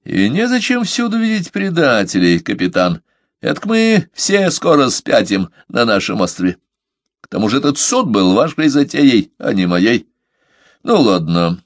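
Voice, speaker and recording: A man's voice: mid-range voice, big pitch swings, unhurried, no room sound, clean studio sound, voice pushed up. A man voicing a sardonic, scheming sailor who talks in a nasal, sneering, lecturing way.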